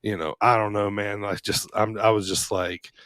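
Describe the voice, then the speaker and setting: A man's voice: lowish voice, fairly even intonation, moderate pace, fairly bright tone, dry recording. A man co-hosting a podcast, talking casually in a rambling way with lots of "you know" and swearing. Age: adult. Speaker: podcast co-host. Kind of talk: casual chat.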